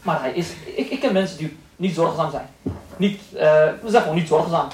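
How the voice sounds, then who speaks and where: A man giving a lively lecture to a class, quick and joking, acting out the people in his stories. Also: a little high. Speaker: Islamic lecturer. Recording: echoey room, voice from a distance, faint noise.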